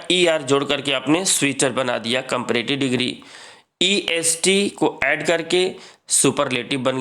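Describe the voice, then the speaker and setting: A man teaching English grammar in a lesson, reading rules slowly and explaining them with many repetitions. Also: a little high, bright, forceful tone. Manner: reads English rules slowly, then explains, repeating "ठीक है".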